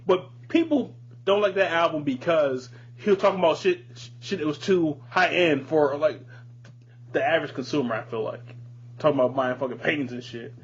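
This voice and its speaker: A podcast co-host chats casually and offers blunt, profane opinions in a husky voice that sits on the high side, at a moderate pace. The audio is dull and lo-fi, with hum and noise.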